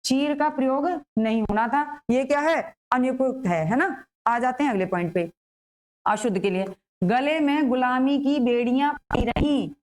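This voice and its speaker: High-voiced woman teaching grammar. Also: darkish tone, rough recording. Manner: explains slowly, asks and answers her own questions. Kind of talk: exam-prep grammar lesson.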